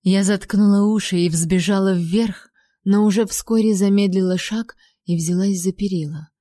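Mellow-voiced woman narrating an audiobook. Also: mid-range voice, fairly even intonation, normal speed, dry recording, clean studio sound. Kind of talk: first-person audiobook narration.

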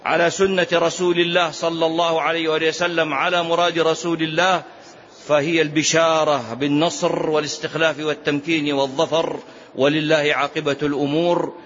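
A man's voice: a little high, flat delivery, brisk, fairly bright tone. A man, a sheikh, giving a religious lesson with impassioned emphasis. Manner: impassioned, rising to emphatic peaks on lists. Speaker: sheikh teaching a text. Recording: dull lo-fi lecture recording with faint noise.

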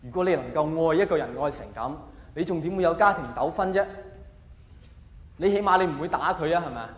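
With a slightly high voice and a Hong Kong Cantonese accent, this comedian gives a mock-earnest stand-up monologue marked by dramatic pauses and emphatic delivery. The live show takes place in a large indoor venue, and the echoey recording picks up audience noise and laughter.

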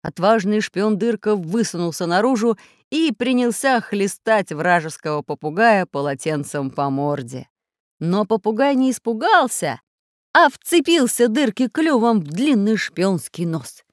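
Lady reading a kids storybook, lively voice jumping around, super dry close sound. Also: medium pitch, unhurried, no room sound. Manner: animated, expressive reading. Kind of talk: storybook narration.

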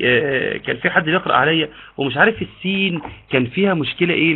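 A man with an Egyptian accent teaching an online tajweed lesson, explaining patiently and modeling slow recitation. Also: a little high, slightly rough. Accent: Egyptian Arabic. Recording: tinny phone-like line.

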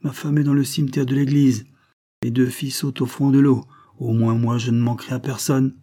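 A man's voice: medium pitch, flat delivery, a little fast, mellow, voice pushed up, close to an everyday voice. A man voicing an old sailor in his sixties who speaks bluntly and curtly in a storybook reading. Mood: grim. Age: 60s. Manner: blunt, curt. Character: old sea-dog sailor, gruff and fearful.

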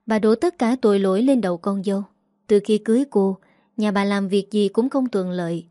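A woman narrating a family story in a steady, even way. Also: medium pitch, a little fast, dry recording, clean studio sound.

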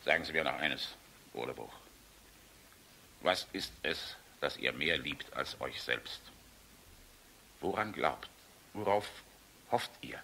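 An actor playing a proud, weary, sardonic middle-aged air force general in a radio play, commanding and grave, with deliberate pauses. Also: male voice, rumbling low, animated, gravelly, sharp tone, slight background noise, full character voice, poor audio. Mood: grave, subdued. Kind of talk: German radio play acting.

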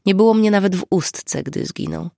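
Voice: mid-range voice, moderate pace, dry recording, natural voice. Brief: narrator as a composed woman, firm and reassuring, dry close sound. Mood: earnest. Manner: calm, clear and firm. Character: grown woman, steady and reassuring.

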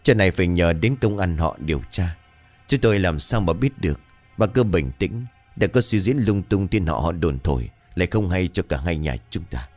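A man voicing an older village man who tries to calm others in a spoken ghost story. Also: sits low, moderate pace, faint music behind. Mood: placating.

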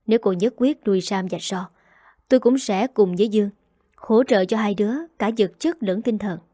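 A woman's voice: medium pitch, moderate pace, warm tone, no echo, clean studio sound, close to an everyday voice. Woman reading a stubborn young rival woman. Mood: cool.

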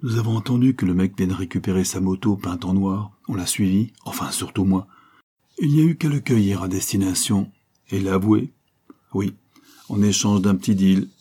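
A man's voice: sits low, moderate pace, warm tone, husky. A man voicing a brash middle-aged male police officer who rides a motorbike, breezy and teasing.

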